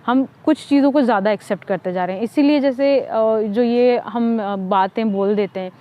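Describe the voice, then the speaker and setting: A woman from India, talking reflectively as a podcast co-host, pausing often on "uh" and mixing in English words. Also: fairly high pitch. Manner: reflective, many "अ" fillers, mixes English words. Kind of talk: conversational podcast talk. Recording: slightly dull lo-fi audio.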